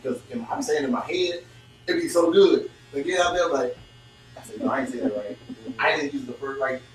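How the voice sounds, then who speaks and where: A man in his thirties hosting a casual group podcast chat, talking animatedly with slang and quick interjections. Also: mid-range voice. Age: 30s. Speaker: podcast host. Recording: echoey room, mic at a distance, faint noise.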